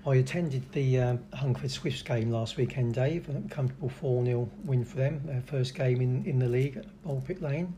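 A man's voice: mid-range voice, normal speed, hardly any pauses, dark tone, a little hiss or hum. A man hosting a casual local football chat, with hesitant restarts and a dry sense of humour. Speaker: club radio host.

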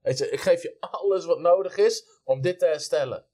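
A man's voice: a little high, moderate pace, dark tone. A man in a casual Bible discussion who talks eagerly and affirms his partner often.

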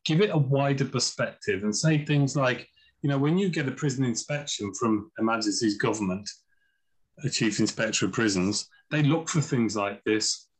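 Heard on a low-quality recording, a man with a medium-pitched, breathy-edged voice tells chatty anecdotes as a guest on a casual podcast. He's a chess author and acts out what others said.

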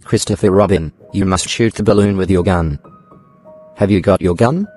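A man acts out a naive, honey-loving toy bear from a children's storybook. The voice sits on the low side and ponders things with earnest, gentle self-importance. Soft music plays behind. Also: moderate pace. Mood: solemn. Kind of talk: storybook dramatisation. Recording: background music.

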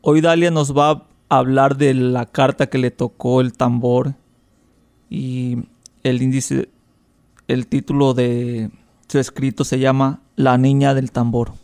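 A man's voice: mid-range voice, little pitch movement, takes it slowly, darkish tone, smooth, dry recording. A man hosting a radio interview, asking polite, formal questions. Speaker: radio host.

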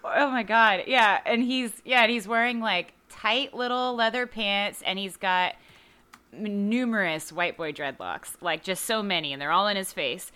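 A young woman trading jokes about a film on a casual podcast, animated and quick to laugh. Her voice is bright and forceful, sitting at a middle pitch. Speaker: podcast co-host. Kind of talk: casual movie review chat.

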